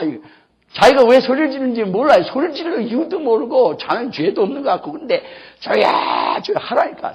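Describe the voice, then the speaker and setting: A male pastor giving a sermon, preaching emphatically and breaking into loud shouts. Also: fairly high pitch, husky. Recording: dull lo-fi sermon tape.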